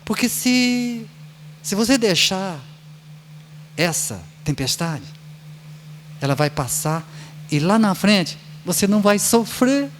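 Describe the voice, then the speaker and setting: A man's voice: high-pitched, big pitch swings, slow pace, long pauses, a little hiss or hum. A man with a Brazilian Portuguese accent giving a spiritist lecture, telling stories and acting out the voices of the people in them. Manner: storytelling, acts out voices of people in his anecdotes. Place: lecture hall of a spiritist center.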